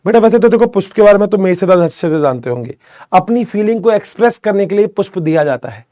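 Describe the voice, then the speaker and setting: A man's voice: high voice, animated, fast, warm tone, no room sound. A young man teaching biology in a casual, joking manner, telling a story to his students and calling them beta. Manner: chatty, addresses students as beta, jokes often. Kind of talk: casual classroom lecture with storytelling.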